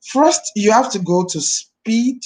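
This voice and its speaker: Animated yet taking it slowly, a minister in her thirties chats on a live stream with a darkish tone. Her voice is deep this morning, and she's friendly, repeating phrases and blessing viewers.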